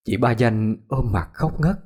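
A man narrating a ghost story in a slow, somber way. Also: medium pitch, animated, a little mellow, breathy edge.

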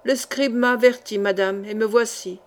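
A woman's voice: on the high side, normal speed, lightly acted. A woman reading aloud, voicing an impassive female hired thug with terse replies. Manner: flat, terse.

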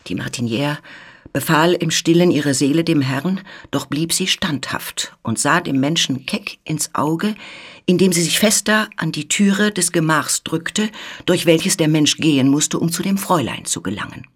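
Husky, dramatic literary narrator. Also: mid-range voice, moderate pace. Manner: dramatic, expressive reading. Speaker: reader.

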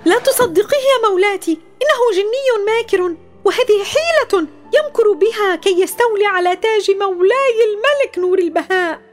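Alarmed servant girl, woman reader, shrill and urgent, storybook. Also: expressive, brisk, few pauses, soft background music. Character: frightened loyal servant girl. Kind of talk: storybook voice acting.

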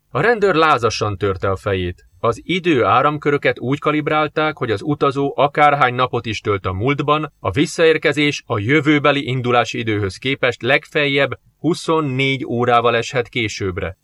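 A man narrating an audiobook in a steady, expressive reading style, close to the mic. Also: medium pitch, dry recording.

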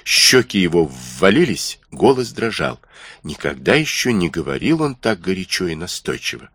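Man, audiobook narration, deep voice, husky, lively intonation, dry close sound. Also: moderate pace, no echo. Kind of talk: scripted first-person narration.

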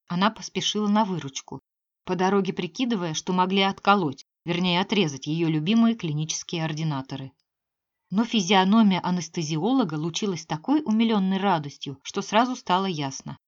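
A woman reading a novel aloud as an audiobook narrator, measured and expressive. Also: on the low side. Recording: slightly dull lo-fi sound.

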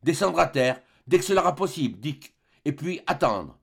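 A man's voice: expressive, normal speed, vocal fry, husky, full character voice. A man crying out as Doctor Fergusson, a commanding balloonist. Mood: grim calm. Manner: urgent, shouted orders pitched far above the narration.

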